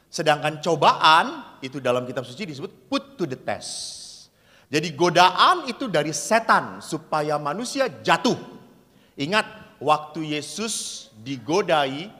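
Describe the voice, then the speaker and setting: Male priest, jokey storytelling preacher with a bright, high voice, heard in a reverberant church hall. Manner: jokey storyteller acting out dialogue. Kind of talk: humorous sermon with storytelling.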